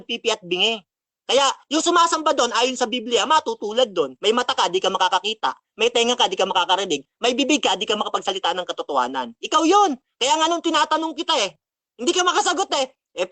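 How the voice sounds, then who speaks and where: A man's voice: very high voice, sharp tone, no echo. A man giving a mocking debate rebuttal, taunting his opponent and quoting scripture verse after verse. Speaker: religious debater.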